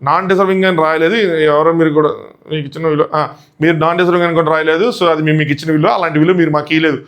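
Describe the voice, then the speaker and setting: A man giving a casual commentary recap as a show reviewer, retelling fast and acting out quotes. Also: a little high, steady tone, fairly bright tone.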